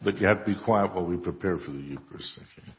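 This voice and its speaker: Priest with a lingering cathedral echo. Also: male voice, low voice, a little hiss or hum. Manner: measured, solemn liturgical recitation. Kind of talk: celebrating Mass, reciting the Eucharistic prayer. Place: church. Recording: muffled lo-fi recording with long church reverb.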